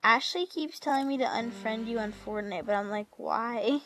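A woman's voice: on the high side, moderate pace, a bit bright, a little hiss or hum. A woman in a casual chat, teasing her friend and giggling often. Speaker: co-host.

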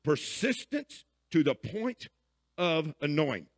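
A man's voice: a little high, big pitch swings, takes it slowly. A man preaching a sermon as pastor, emphatic and folksy, often checking in with his listeners.

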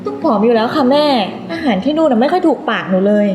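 Actress as snobby spoiled heiress; high, animated, quick, in an echoey room. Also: female voice. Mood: playful. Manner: haughty, scornful, snappy. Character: spoiled rich young woman, arrogant, foreign-educated. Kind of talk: short drama acting. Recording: echoey room with music behind.

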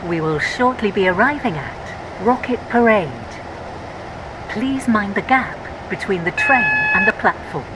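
A woman voicing an automated onboard train announcer who reads station calls in a steady, scripted way. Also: medium pitch, unhurried, heavy background noise, lightly acted. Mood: calm.

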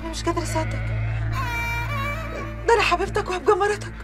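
A woman's voice: very high voice, quick pace. An actress playing a wronged, desperate young woman with an Egyptian accent, given to wailing, pleading outbursts. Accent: Egyptian Arabic. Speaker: film actress. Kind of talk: film melodrama acting. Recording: music score behind. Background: film score music.

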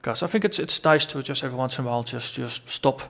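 Talking quickly in a medium-pitched voice with vocal fry and a bit of brightness, a gaming channel host rambles through a lengthy casual solo vlog, thinking aloud. By now the long recording has his voice growing tired.

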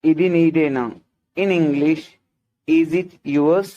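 A male teacher reads English phrases at a very slow, careful pace. His voice sits a little high for a man. Each phrase comes out deliberately, often said twice. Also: fairly even intonation, mellow, muffled recording. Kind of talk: slow bilingual language lesson.

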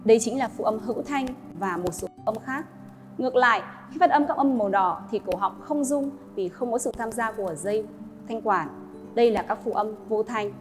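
A woman teacher, slowly modelling English sounds and explaining pronunciation rules to students. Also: on the high side. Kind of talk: classroom lesson narration. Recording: long reverb with faint music.

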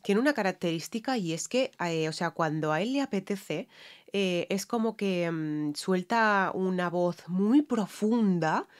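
A woman with a Spain Spanish accent chats through a reaction video as a singer analysing a song. Her voice sits fairly low, and she explains vocal technique loosely, with plenty of fillers and restarts. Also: measured pace, soft background music. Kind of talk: casual reaction commentary.

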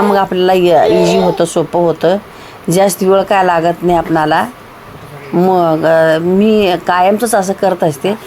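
A woman's voice: fairly low pitch, a little mellow, slight background noise. Chatty woman cooking. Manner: homely, chatty, repeats herself often. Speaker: home cook. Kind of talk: casual cooking demonstration.

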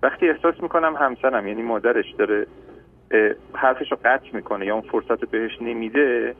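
Guy calling into a radio show, hesitant, lots of ums, tinny phone line w light hiss. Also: mid-range voice. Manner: hesitant, explaining with fillers. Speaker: caller, a parent.

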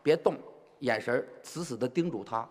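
A man's voice: mid-range voice, expressive, moderate pace. A man, performing stage crosstalk as the lead comic in a teasing, exaggerated way. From northeast China. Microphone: stand microphone on a stage. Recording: reverberant theatre hall.

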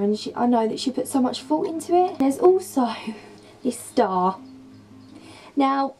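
A young woman with a croaky voice from a sore throat, chatting in a rambling, gushing way as she films a vlog in her bedroom on a camera mic. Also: a little high, mellow, poor audio. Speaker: beauty and lifestyle vlogger.

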